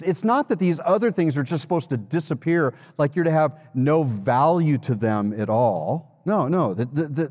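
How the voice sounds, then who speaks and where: A man's voice: medium pitch, a little mellow. A man preaching a sermon as pastor, earnest, often repeating words and calling the congregation to respond. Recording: long hall reverb.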